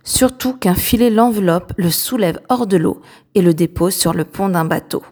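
A woman reading a children's story aloud, with slow, expressive storybook narration. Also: fairly low pitch, breathy edge.

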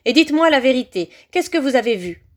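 A woman's voice: on the high side, steady tone, unhurried, lightly acted. Brief: woman voicing an anxious male henchman, raised and strained, audiobook. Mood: commanding. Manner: tense, pressing and then whimpering. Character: nervous male teacher serving a dark master. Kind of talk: audiobook character voice.

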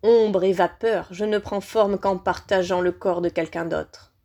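A woman voicing a menacing male dark wizard in a high, shrill voice, speaking slowly and coldly, in an audiobook reading. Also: fairly even intonation, close to an everyday voice. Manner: slow, hissing and cold, then screeching. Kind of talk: audiobook character voice.

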